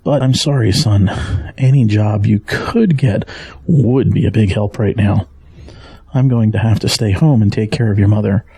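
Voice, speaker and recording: In an audio drama, an actor plays a gentle, worried middle-aged father. He speaks in a measured, earnest, reassuring manner, his husky voice sitting on the lower side, with no echo.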